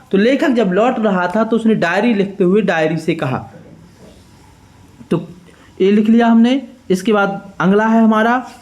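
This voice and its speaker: Male schoolteacher, Madhya Pradesh accent, high voice, patient dictation. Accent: Madhya Pradesh Hindi. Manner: slow, clear dictation of words one by one. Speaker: teacher. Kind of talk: worksheet lesson for school pupils.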